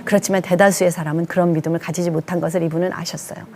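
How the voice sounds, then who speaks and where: A woman's voice: on the low side, little pitch movement, very fast, darkish tone. A Korean woman pastor in her sixties giving an earnest, emphatic testimony sermon, acting out the lines she quotes.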